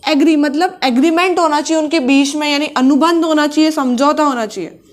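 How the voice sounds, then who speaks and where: A woman a high voice works through a commerce lesson. She mixes in as she explains, and she keeps posing questions that she answers herself. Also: fairly quick. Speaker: commerce teacher. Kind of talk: classroom lecture.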